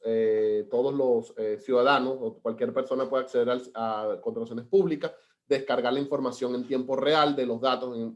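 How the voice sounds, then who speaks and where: A Venezuelan man with a Venezuelan Spanish accent and a mid-range, slightly mellow voice presents a webinar over a video call. He works as a government data analyst and speaks with many hesitations and restarts.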